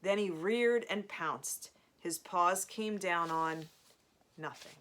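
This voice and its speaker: Slow, bright-voiced woman reading a story. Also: mid-range voice. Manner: slow, measured storytelling with casual asides. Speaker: reader of a novel. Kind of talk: audiobook reading with asides.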